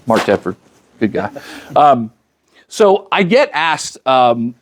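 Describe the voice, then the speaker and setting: A man's voice: mid-range voice, sing-song, slow. A man in his fifties giving a motivational talk at a business luncheon. He chats directly with the audience and acts out quoted conversations. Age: 50s. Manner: chatty, speaks directly to the crowd. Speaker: luncheon speaker.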